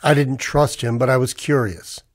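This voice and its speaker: This narrator's voice sits at medium pitch, with fairly even intonation and normal speed, close to how he'd normally talk. He's acting a 1940s-style radio drama, telling in first person of a noir sci-fi ordeal as a tense, defiant man, urgent and hard-boiled but grim and reflective.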